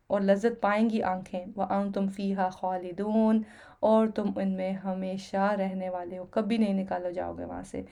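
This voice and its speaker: Woman teaching Quran in Urdu, mellow voice. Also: medium pitch. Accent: Pakistani Urdu. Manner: recites Arabic slowly, then explains in Urdu with everyday examples. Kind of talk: word-by-word Quran translation lesson.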